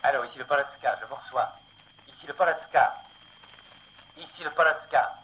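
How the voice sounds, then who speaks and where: Un homme joue un opérateur radio de navire dont la voix arrive par un récepteur radio grésillant, appelant avec insistance. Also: male voice, medium pitch, brisk, sharp tone. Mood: insistent. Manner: urgent, calling out repeatedly. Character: radio operator on a ship, adult man, insistent. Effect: voice heard through a crackly radio receiver. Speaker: ship's radio operator. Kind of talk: 1960s television drama acting. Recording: dull, slightly noisy 1960s television sound.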